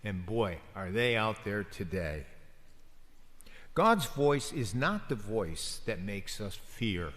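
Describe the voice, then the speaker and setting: A man, a deacon, giving a homily in a gentle, conversational preaching manner with pauses. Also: on the low side, sing-song. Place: church. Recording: long church reverb.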